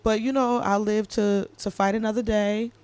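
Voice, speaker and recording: A woman in her late thirties co-hosting a podcast, talking in a casual, animated, jokey and heartfelt way. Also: medium pitch, normal speed, smooth, no room sound. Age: 30s. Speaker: podcast co-host. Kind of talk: casual chat.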